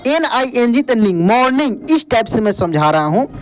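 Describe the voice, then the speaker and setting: A man teaches an online English spelling lesson in a high voice. He spells each word out letter by letter, keeps telling the viewer to pay attention, and calls them friend. He often asks a question and answers it himself. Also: sing-song, normal speed. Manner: repeats "ध्यान दीजिएगा" and calls viewers friend.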